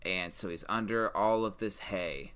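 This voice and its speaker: A man co-hosting a podcast in casual chat, upbeat and encouraging as he pitches ideas. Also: measured pace, fairly bright tone. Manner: upbeat and encouraging, recites rhymes. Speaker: podcast co-host.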